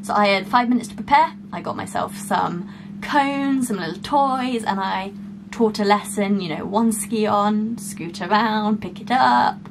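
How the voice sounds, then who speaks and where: A woman's voice: medium pitch, measured pace, noisy background. A woman in her twenties, an upbeat ski instructor chatting casually to camera in a small bedroom. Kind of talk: casual explainer vlog.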